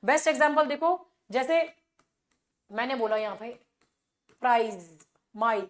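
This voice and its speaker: Indian woman teaching english exam revision, high voice, keeps asking the class questions, repeats filler phrases a lot. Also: normal speed. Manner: explaining with rhetorical questions.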